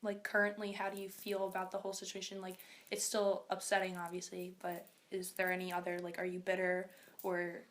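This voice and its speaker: A young adult woman interviewing her grandmother, asking gentle, hesitant questions full of fillers. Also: fairly low pitch, monotone, a little fast. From United States. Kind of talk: casual family interview.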